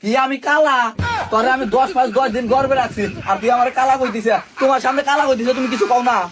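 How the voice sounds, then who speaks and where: A man doing a shrill scolding village wife. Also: steady tone, fast talker, noisy background. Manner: scolding, defensive. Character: bickering middle-aged village wife, half-deaf. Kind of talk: comedy skit acting.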